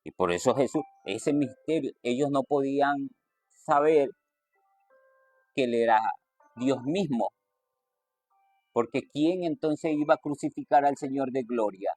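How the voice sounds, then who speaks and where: A man preaching a sermon, reading scripture and stressing quoted lines with sudden lifts in pitch. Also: unhurried, long pauses, a little mellow, faint music behind.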